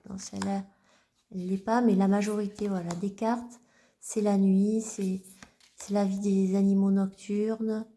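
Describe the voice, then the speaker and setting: Woman vlogger, slow and mellow, hesitant with lots of restarts, casual show-and-tell. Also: medium pitch, little pitch movement. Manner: hesitant, halting, many restarts and fillers. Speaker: vlogger presenting her card decks.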